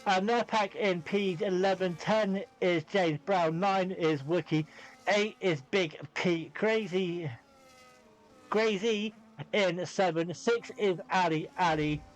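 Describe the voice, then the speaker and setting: A man's voice: high-pitched, slow. A man doing chatty live sim racing commentary, bantering and laughing with his co-commentator. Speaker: race commentator.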